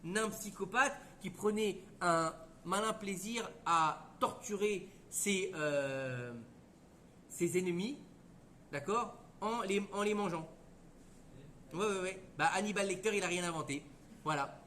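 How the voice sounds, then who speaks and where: A man teaching a Torah lesson as a lively story, acting out the voices. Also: sits high, slow pace, a little hiss or hum. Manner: lively, conversational, acts out voices.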